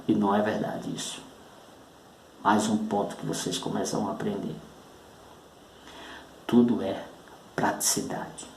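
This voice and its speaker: A man teaching a public speaking lesson, speaking slowly and emphatically and leaning hard on stressed syllables. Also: on the low side, gravelly, roomy sound, slight background noise, poor audio. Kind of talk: recorded oratory lesson.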